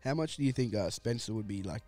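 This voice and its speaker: A man's voice: on the low side, animated, quick pace, mellow, soft background music. A man co-hosting a casual basketball podcast, laid-back and joking with slangy banter. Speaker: podcast co-host.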